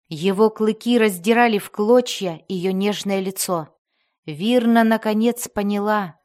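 A woman narrating a fantasy audiobook in a steady, measured storytelling voice. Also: medium pitch.

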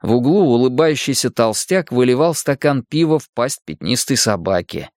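A man reading a novel aloud as an audiobook narrator, in a measured, steady way. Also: medium pitch, dry recording, clean studio sound. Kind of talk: scripted narration.

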